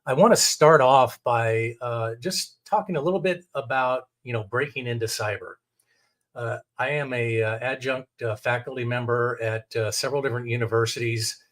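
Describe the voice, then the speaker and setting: A man's voice: medium pitch, steady tone, moderate pace, fairly bright tone. A middle-aged man with an American accent giving a courteous, step-by-step instructional presentation on a screen share. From United States, Oregon. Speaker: technical director and adjunct lecturer.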